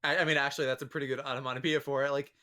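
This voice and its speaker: A young man as a guest in a casual gaming chat, thinking aloud with fillers and making squeaky sound effects. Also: level tone, rapid-fire, pushed and bright.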